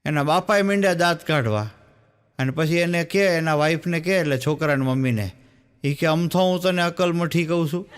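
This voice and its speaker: A man's voice: fairly high pitch, normal speed, smooth. A male stand-up comedian, telling jokes as stories and acting out the dialogue. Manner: storytelling, acts out the dialogue in his jokes. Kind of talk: Gujarati folk joke telling.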